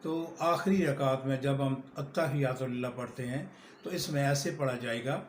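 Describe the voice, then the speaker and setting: Male prayer teacher, measured explainer turning to slow chanted recitation; roomy sound with faint room noise. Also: mid-range voice. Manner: explains plainly, then recites Arabic slowly and melodically. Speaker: religious teacher.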